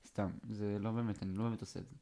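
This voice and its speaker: Joking man telling a podcast story. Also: on the low side. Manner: joking storyteller, lively and teasing. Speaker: podcast co-host. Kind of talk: casual podcast chat.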